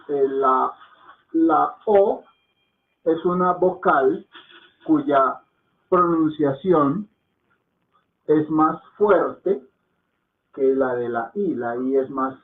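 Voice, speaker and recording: A man teaching a language lesson, patiently repeating words to drill their pronunciation and checking in with his students. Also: a little high. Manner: checks in with soft "¿mm?" and "¿ok?". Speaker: Hindi teacher. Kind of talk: slow spoken lesson. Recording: echoey, phone-like lo-fi sound.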